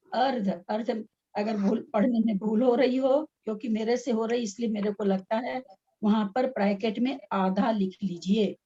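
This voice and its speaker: A patient woman teacher walks her students through each step, repeating lines so they can note them down. Her voice is mellow and a little husky, a touch higher than most. The sound is dull and lo-fi, like call audio. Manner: patient, repeats steps slowly for students to write. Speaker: religious study teacher. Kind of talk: explaining text line by line.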